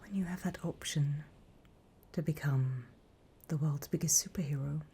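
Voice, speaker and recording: In this whispered ASMR roleplay, the British performer voices a cunning, greedy female demon auctioneer, her soft, breathy voice pitched low over slight background noise. Her manner is deliberate and coolly inquiring, and she sounds greedy and probing.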